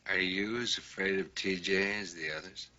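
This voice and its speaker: An actor playing a steady, authoritative male police captain in a television drama, clipped and businesslike. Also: low-pitched, moderate pace. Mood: firm, businesslike. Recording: dull TV soundtrack, faint noise.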